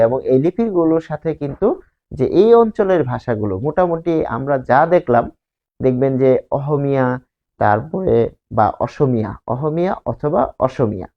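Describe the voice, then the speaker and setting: A man's voice: mid-range voice, gravelly. A man from Bangladesh, teaching a grammar lesson, explaining slides and asking and answering his own questions. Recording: slightly dull lo-fi recording.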